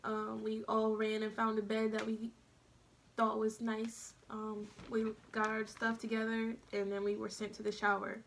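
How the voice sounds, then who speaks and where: A woman's voice: a little high, monotone, a little slow, vocal fry, a little hiss or hum. A young woman vlogger telling her own story in a chatty way, speaking straight to her viewers and giving them tips. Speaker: vlogger recounting basic training. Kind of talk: casual storytelling vlog.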